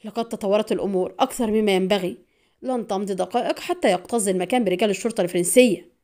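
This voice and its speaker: A woman's voice: medium pitch, racing, warm tone, natural voice. A woman voicing a male military attaché who speaks urgently and in clipped lines under pressure. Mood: tense.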